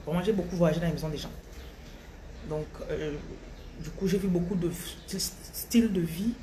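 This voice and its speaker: A woman in her thirties from Cameroon with a Cameroonian French accent, giving a slow, thoughtful spiritual talk to her followers into a phone in a small tiled room. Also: on the low side, noisy background. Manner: slow and thoughtful, with frequent restarts. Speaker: spiritual coach. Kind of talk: reflective spiritual monologue to followers. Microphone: phone held close at arm's length.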